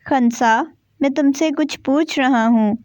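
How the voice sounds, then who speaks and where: A woman's voice: sits high, a little mellow, no echo, lightly acted. A woman voicing a stern, short-tempered young husband in a storybook reading. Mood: coaxing. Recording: dull, dry lo-fi recording.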